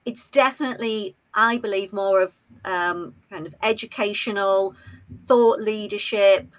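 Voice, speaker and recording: A woman's voice: mid-range voice, unhurried. A woman on a panel discussion who talks with frequent hesitations and fillers.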